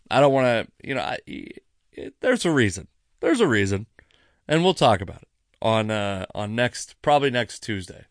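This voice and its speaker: A lowish male voice comes through in studio quality without any echo. It belongs to an American comedian and podcast host who is mildly tipsy and rambles casually on his own, self-deprecating and a bit profane.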